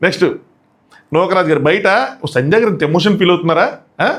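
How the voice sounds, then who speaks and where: Fast high-voiced mocking man. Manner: mocking and excitable, slangy asides. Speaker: show reviewer and host. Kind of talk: casual comic review.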